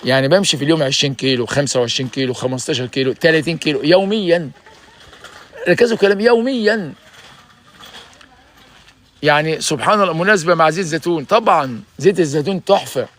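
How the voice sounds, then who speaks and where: A man in his sixties with an Egyptian accent, hosting a casual livestream and preaching health advice in an energetic, urging way. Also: a little high, rapid-fire, few pauses. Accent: Egyptian Arabic. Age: 60s.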